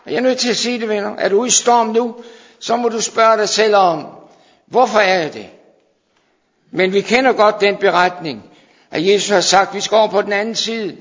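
A man preaching a fervent sermon to his congregation, sometimes dropping to hushed intensity. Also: high-pitched. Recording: dull sound in a long-reverb hall.

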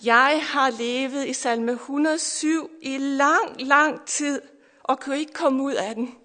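Fervent high-voiced woman preaching in reverb. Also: sharp tone. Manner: fervent, repeated hallelujahs, voice breaking into tears at times. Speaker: preacher giving testimony. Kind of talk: emotional Pentecostal sermon. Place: church or camp meeting hall. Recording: long hall reverb.

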